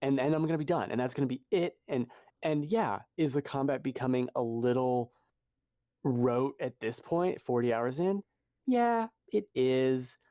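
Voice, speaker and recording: In loose podcast banter, this co-host wanders through his points and keeps fixing what he just said. He speaks at a moderate pace in a warm, medium-pitched voice, on a dry studio-quality recording.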